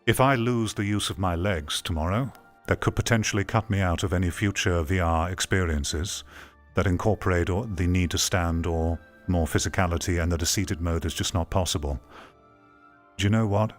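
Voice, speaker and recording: A man with a fairly low voice rants through live, opinionated commentary like a streamer, blunt, outspoken, and swearing. He talks at normal speed while music plays behind him.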